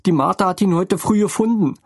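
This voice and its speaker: A man reading a story and voicing Lene, a stout, kindly older woman who is breathless and tearful, in a higher voice. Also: fairly quick, breathy edge, no echo, clean studio sound. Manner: sobbing, breathless and simple-spoken.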